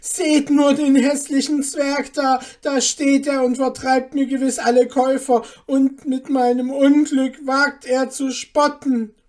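A woman voicing an angry, frightened market mother who scolds and shouts in a read-aloud fairy tale. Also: sits high, pitched above the performer's own voice. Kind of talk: storybook reading.

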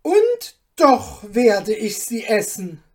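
A woman's voice: fairly high pitch, steady tone, slow, warm tone, pitched above the performer's own voice. A woman voicing a wrathful, pompous duke in a storybook reading, bellowing and threatening. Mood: furious. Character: wrathful, pompous old duke, ruler of a court.

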